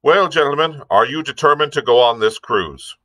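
A man's voice: medium pitch, expressive, normal speed, sharp tone, no echo, voice pushed up. A man reading a storybook, voicing a blunt, stern and prickly sea captain in an emphatic, clipped manner. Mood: insistent. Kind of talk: audiobook character reading.

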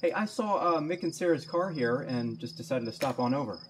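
An actor playing a friendly neighbor who rambles casually. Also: male voice, on the high side, expressive, brisk, far from the mic, slight background noise, lightly acted, low-quality recording. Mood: chatty. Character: chatty friendly neighbor dropping by.

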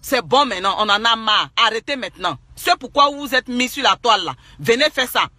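High, piercing Ivorian man ranting. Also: expressive, brisk, pushed and bright, no echo. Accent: Ivorian French. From Côte d'Ivoire. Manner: scolding, repetitive, preachy. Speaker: social media commentator. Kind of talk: angry rant to online followers.

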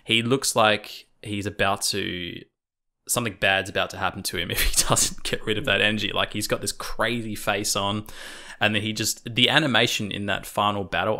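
A man's voice: lowish voice, steady tone, brisk, sharp tone. A man co-hosting a podcast, chatting casually and enthusiastically, with loose and casual swearing. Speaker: podcast co-host.

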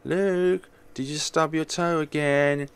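A man voicing a bright, loud little girl from a video game, calling out in sing-song. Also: on the high side, steady tone, slow pace, clean tone, no room sound, pitched above the performer's own voice. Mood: chirpy, calling.

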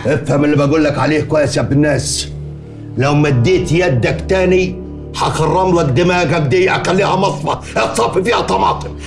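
A menacing, gravelly Upper Egyptian mayor. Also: male voice, high-pitched, lively intonation, brisk, roomy sound, music in the background. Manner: taunting and threatening. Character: domineering Upper Egyptian village mayor, middle-aged man. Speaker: village mayor. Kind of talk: TV drama acting.

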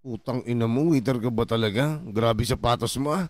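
A man's voice: medium pitch, brisk, a little mellow, no echo. A man streaming a role-play game, chatting in character, joking and swearing freely. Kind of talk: casual in-character game chat.

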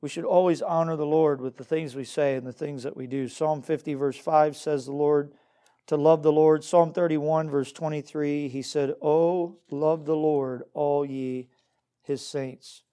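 Here a pastor delivers a Baptist sermon at a measured, steady pace, his voice on the high side and both warm and clean. He reads scripture, exhorts earnestly, and puts questions to those listening.

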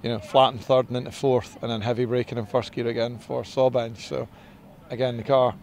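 A middle-aged man, a racing driver, answering interview questions outdoors in a paddock in a relaxed, modest way. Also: medium pitch, brisk, creaky. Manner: relaxed and modest, with filler ums. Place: outdoors in a race paddock beside a team truck. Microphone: interviewer's handheld mic.

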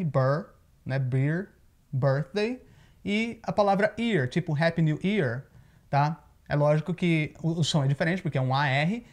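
A Brazilian man with a Brazilian Portuguese accent, giving a casual video lesson on English pronunciation and explaining patiently. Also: a little high. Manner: explains patiently, often checks in with "tá?". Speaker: English teacher. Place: living in the United States.

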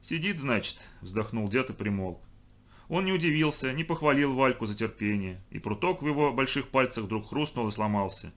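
A man reading a storybook aloud as narrator, expressive, lifting his voice for the children's lines. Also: mid-range voice, a little fast. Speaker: audiobook reader. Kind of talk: scripted narration.

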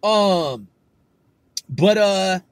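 Sitting high in pitch and speaking very slowly with lively intonation, a middle-aged West Coast man hosts his own podcast with no room sound. He rambles casually in a slangy monologue, swearing a lot and using plenty of fillers.

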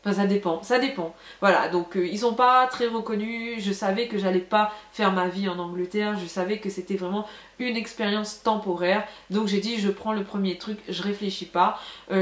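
Chatty young French woman, echoey room. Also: medium pitch. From France. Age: young adult. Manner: chatty, frank, many fillers. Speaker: vlogger. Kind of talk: casual storytelling to camera.

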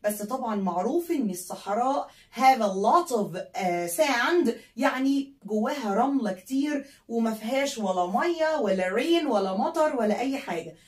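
A high-pitched woman with an Egyptian Arabic accent leads a children's vocabulary lesson, spelling each word and repeating it so pupils can echo her. Her voice sits a little off the mic, and the room around her is echoey. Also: expressive, moderate pace, distant mic. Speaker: English teacher.

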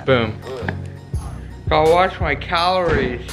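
A young man with a slightly high voice vlogs casually in a home kitchen over clear background music. He talks slowly but excitably, in loose slang, straight to the camera. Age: 20s. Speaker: food challenge vlogger. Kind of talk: casual vlog chat. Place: home kitchen and dining room, indoors. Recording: music behind the voice.

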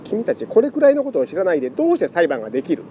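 A man voicing a fussy, excitable scholar cat who lectures pompously. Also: high-pitched, very fast, muffled recording, a little hiss or hum, pitched above the performer's own voice, heavily acted. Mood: excited.

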